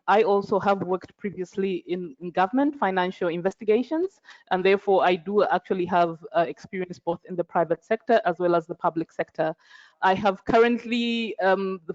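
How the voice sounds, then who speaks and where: A woman's voice: medium pitch, darkish tone. Woman, webinar panelist, earnest tone, muffled lo-fi call. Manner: earnest, with restarts and fillers. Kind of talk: self-introduction on a webinar. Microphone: video call. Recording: dull lo-fi call audio.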